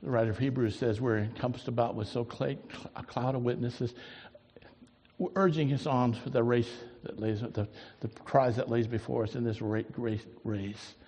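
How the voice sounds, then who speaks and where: A man preaching a sermon as a pastor, moving from quiet reflective asides to loud, emphatic declarations, and ending in prayer. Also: mid-range voice, fairly even intonation, moderate pace, breathy edge, long reverb tail. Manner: swings from soft musing to loud emphatic preaching.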